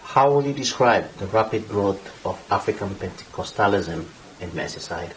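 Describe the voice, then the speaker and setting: A man's voice: on the low side, animated, moderate pace, a little hiss or hum, low-quality recording. A man interviewing a guest, asking brief, plain questions in an indoor room.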